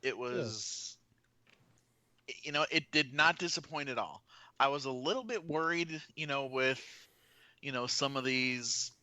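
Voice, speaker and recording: A man's voice: medium pitch, normal speed, pushed and bright, dry recording. A man guesting on a casual podcast, talking in a laid-back, friendly way. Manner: laid-back, friendly, says dude a lot.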